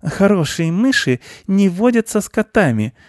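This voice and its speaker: A man voicing a bossy, scolding big female shrew with a shrill manner. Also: very animated, normal speed, no echo, clean studio sound.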